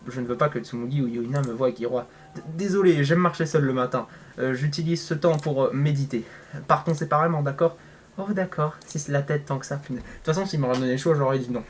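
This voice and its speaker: A man's voice: mid-range voice, slight background noise. A man reading a visual novel aloud, breaking off with joking, slangy comments and big reactions. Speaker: gaming content creator.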